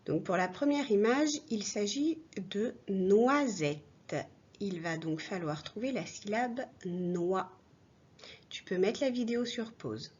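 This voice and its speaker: A woman teacher leads a slow, patient reading lesson for small children. Her voice is soft and a little husky. The recording sounds dull and lo-fi, like a home mic. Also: mid-range voice, animated. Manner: slow, clear, patient, addressing a child directly. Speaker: primary school teacher.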